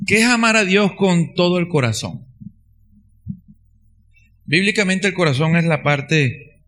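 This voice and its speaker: A man's voice: a little high, fairly bright tone. A man preaching a sermon, earnest and emphatic, repeating key phrases for stress.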